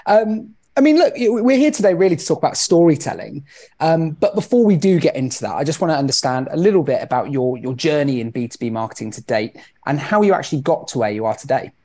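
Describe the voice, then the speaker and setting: Fast-talking, husky male podcast host. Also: on the high side, expressive, dark tone. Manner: fast, filler-laden questioning. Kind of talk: interview hosting.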